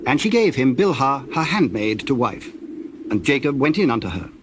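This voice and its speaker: Doves coo and birds sing audibly under a man narrating scripture in a formal, carefully paced, storytelling manner. His voice is medium in pitch but swings widely up and down, and there is background noise throughout.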